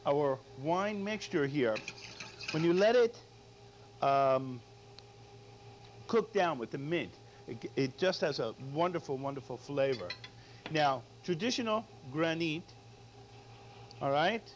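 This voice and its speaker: Slow and expressive with long pauses, a middle-aged male chef in a studio kitchen gives an unplanned cooking demonstration in a slightly high voice, checking in often with "all right?". The lapel mic captures dull lo-fi sound with background noise.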